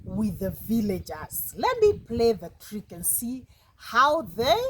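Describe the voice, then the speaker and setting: A cheeky young shepherd boy, put on by a woman storyteller, bouncing up high and bright whenever he crows over his prank. His voice swings about freely and he sounds pleased with himself. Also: huge pitch swings, slow pace, a little hiss or hum, heavily acted. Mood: scheming. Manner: cheeky, gloating.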